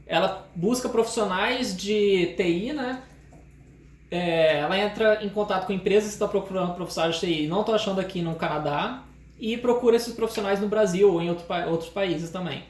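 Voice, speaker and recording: A woman's voice: mid-range voice, brisk, a little mellow. A woman hosting a casual live-stream chat, chatty and joking with her guest. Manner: chatty, jokey. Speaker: host. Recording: roomy, faint noise.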